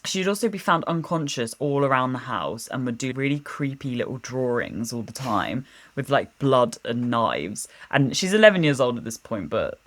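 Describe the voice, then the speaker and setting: A woman's voice: very deep voice, sing-song, normal speed, hardly any pauses. A woman co-hosting a podcast, telling a ghost story in casual chat, giggly and rambling, swearing freely. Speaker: podcast co-host.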